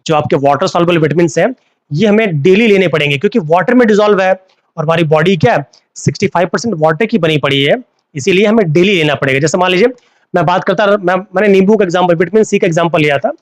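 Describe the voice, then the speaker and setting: Male teacher, live class on a phone, a bit high-pitched, dry close sound, repeats terms as questions. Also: quick pace, dry recording. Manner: repeats key terms as questions to students, mixes Hindi and English.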